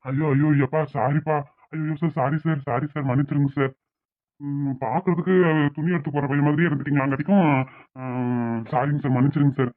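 A man's voice: fairly high pitch, fairly even intonation, brisk, natural voice. A man voicing a flustered, apologetic family man searching for his family in a cartoon. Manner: anxious, apologetic. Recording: tinny phone-like sound.

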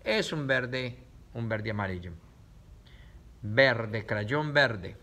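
A man giving a reading lesson to children, slowly sounding out words syllable by syllable and repeating them, recorded on a camera set up in front of him. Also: medium pitch, lively intonation, sharp tone.

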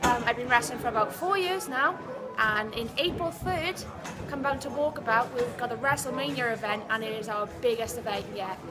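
A woman's voice: a little high, fairly quick. A woman in her twenties, a professional wrestler, giving a casual promotional interview to camera. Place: indoor community centre room. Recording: very loud music under speech.

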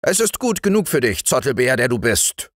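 A man voicing a defiant, scolding farmer's wife with a shrill, quick delivery. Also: fairly bright tone, no echo, studio quality, lightly acted.

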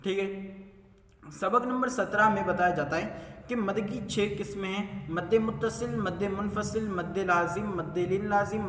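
A man's voice: high voice, background noise. A man teaching a step-by-step recitation lesson, who asks himself questions and then answers them. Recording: echoey hall, mic far off.

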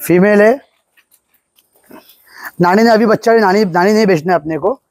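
A goat farm seller eagerly points out features and prices his goats in an outdoor pen, caught on a nearby phone in a casual sales walkthrough. His voice sits high with a darkish tone at a moderate pace. The sound is clean and studio-like, with no echo.

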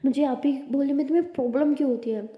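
A woman's voice: high voice, fast talker, close to an everyday voice. Give me a woman playing a playful young college woman with a dull, roomy sound.

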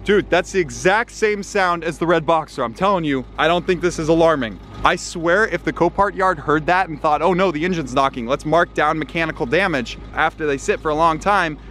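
A young man in his twenties talking straight to camera in a casual vlog, excitable and jumping between worry and delight. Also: fairly high pitch, fairly quick, hardly any pauses, slight background noise. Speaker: car flipping vlogger. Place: outdoor parking lot and inside a small sports car. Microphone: handheld camera at arm's length.

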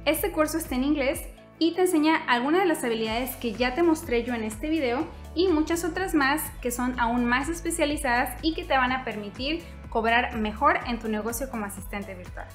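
Seated on a couch indoors, an upbeat young woman YouTube host talks straight to her viewers in a scripted vlog explainer. Her voice is high-pitched. A fixed camera frames her in a medium shot, and the room sounds echoey, with soft music playing behind her.

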